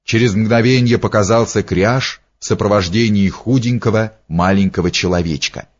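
A man narrating an audiobook in a measured, even storytelling manner. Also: fairly low pitch. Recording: dull lo-fi recording.

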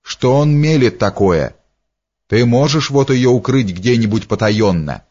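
A man's voice: medium pitch, expressive, unhurried, a little mellow. A man reading an earnest young prince. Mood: impatient. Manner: earnest, blunt commands. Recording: dull lo-fi recording.

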